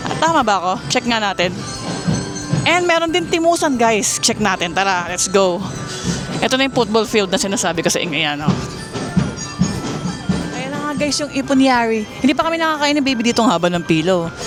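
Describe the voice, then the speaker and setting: Casual vlogger: Filipino woman, fairly high voice, raising it over crowd noise outdoors, music audible. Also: sing-song, fairly quick, pauses often, rough recording. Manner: chatty, keeps addressing viewers as guys; raises her voice to be heard over the crowd. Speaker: vlogger giving a mall tour. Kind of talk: casual walking vlog. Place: busy outdoor shopping mall.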